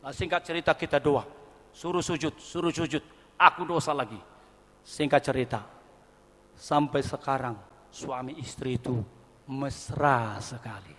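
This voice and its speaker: A middle-aged male pastor from Indonesia preaching a sermon as a story, acting out voices and swinging from quiet asides to shouts. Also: medium pitch, normal speed, long pauses. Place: large indoor arena. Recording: reverberant arena hall.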